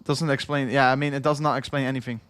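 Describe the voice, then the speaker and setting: In a smooth, fairly bright mid-range voice with a level tone, a young Dutch-accented man from the Netherlands talks fast through a long crypto livestream on a dry recording. Tired after hours on air, he keeps the chat casual but rambling and repetitive, chuckling often and reading the chat aloud.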